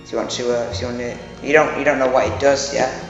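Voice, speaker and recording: A man with a mid-pitched voice acts as game master, improvising haltingly and circling back over phrases. The sound is muffled and very reverberant, with music underneath. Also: flat delivery. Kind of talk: casual improvised tabletop game narration. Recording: muffled, very echoey room, music behind.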